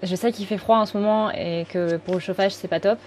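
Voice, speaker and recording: A woman's voice: medium pitch, fairly even intonation, a little fast, darkish tone, slight background noise. A woman giving a casual, rambling tarot reading, full of fillers and self-corrections. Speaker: tarot card reader.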